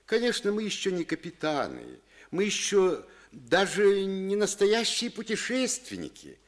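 An actor playing an expressive, declaiming captain in a radio play. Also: male voice, sits high, measured pace, full character voice. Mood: earnest storytelling. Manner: expressive storytelling read-aloud. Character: captain reading a letter aloud, then shouting orders.

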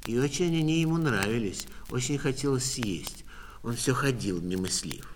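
A man reading a children's story aloud in a calm, measured way. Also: medium pitch, slight background noise. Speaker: narrator.

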